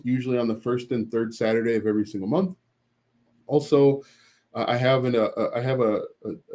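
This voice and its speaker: A man's voice: mid-range voice, dark tone. A man hosting a casual livestream, reading viewer questions from the chat and answering them with frequent fillers and restarts.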